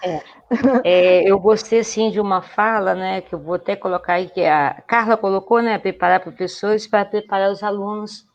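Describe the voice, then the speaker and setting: A woman's voice: mid-range voice, fairly even intonation, normal speed, lo-fi sound. A woman who trains teachers speaks in a reflective, conversational way in a live video call, often adding tag questions.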